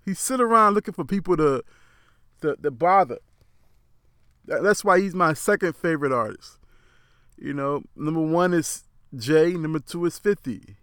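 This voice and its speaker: A man's voice: a little high, lively intonation, moderate pace, fairly bright tone, clear, resonant tone, dry recording, studio quality. A man with a lisp giving his frank opinions in a casual monologue, rambling and repeating words as he goes. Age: adult. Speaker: commentator.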